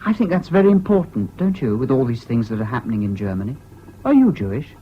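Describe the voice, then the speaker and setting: In a 1970s British radio drama, preserved on a dull, hissy old recording, a male actor plays a whimsical, impulsive young Cambridge student who charms while dodging questions. He talks fast and chattily in a natural, mid-range voice, very animated, flippant, eager and whimsical.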